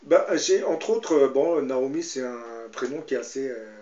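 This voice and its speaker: A man's voice: medium pitch, lively intonation, normal speed, warm tone, a little hiss or hum. A man giving spoken commentary and retelling a Bible story, hesitant, with constant fillers and tag questions. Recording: roomy, slightly dull sound.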